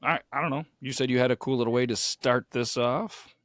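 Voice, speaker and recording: A man with a hoarse, grating voice from too much yelling, chatting casually as a podcast co-host. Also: mid-range voice, fairly quick, no echo, studio quality.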